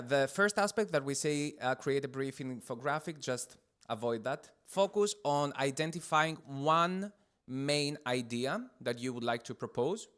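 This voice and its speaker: Man facilitating a conference workshop, smooth voice. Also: medium pitch, a bit bright. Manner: gives instructions, lists options with fillers. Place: conference room.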